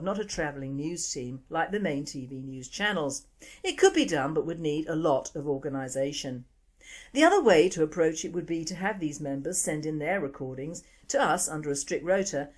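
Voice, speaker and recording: A woman with a posh English accent presenting a news podcast, reading from a script with dry, wry asides. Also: deep voice. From England.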